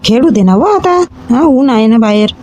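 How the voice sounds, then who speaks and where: A woman acting as a mother in a comedy sketch, gently scolding and reasoning. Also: a little high, animated, normal speed, slight background noise. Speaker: comic actor playing a mother.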